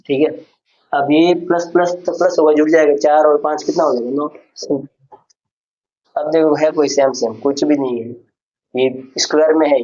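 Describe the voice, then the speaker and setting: A man's voice: medium pitch, warm tone. A man teaching a school maths lesson, patiently explaining each step and asking the class questions as he goes. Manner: patient, repeats questions to students. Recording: dull lo-fi recording.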